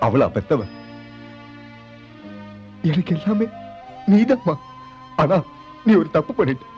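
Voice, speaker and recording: A hurt adopted son, reproachful, his fairly high voice swinging up and down. The film sound is dull. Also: very animated, slow pace, darkish tone, soft background music. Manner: reproachful, emotional. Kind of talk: Tamil film acting.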